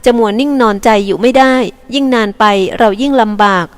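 A woman's voice: fairly high pitch, fairly quick, big-room sound, natural voice. A woman voicing a kind young woman who sighs with sympathy and is eager to help, in an audiobook. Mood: sympathetic.

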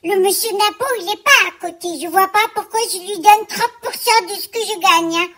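Squeaky, piping, fussy chatterbox character for a comic vlog, high and talkative. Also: female voice, normal speed, a bit bright. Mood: grumbling. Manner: sticks "tout" into every phrase, fussy and chatty.

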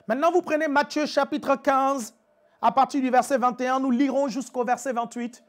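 A woman preacher giving a live-streamed teaching sermon, chatty and animated, laughing often and repeating calls to her viewers. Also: high-pitched, moderate pace.

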